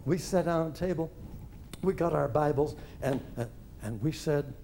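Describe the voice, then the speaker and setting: A man preaching a testimony as a story, animated, with stammered repeats and chuckling asides. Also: on the high side, moderate pace, creaky, slight background noise.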